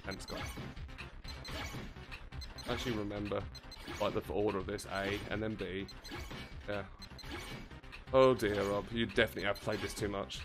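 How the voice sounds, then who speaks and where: Excitable low-voiced streamer. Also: male voice, moderate pace, long pauses. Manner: excitable, rambling, swears casually. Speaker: game streamer. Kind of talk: casual livestream commentary while playing. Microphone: close desk mic. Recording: game music playing behind.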